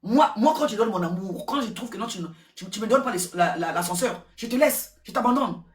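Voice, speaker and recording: A woman giving casual gossip commentary, repeating words and switching languages in an excitable way. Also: mid-range voice, fairly quick. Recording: roomy echo, distant from mic.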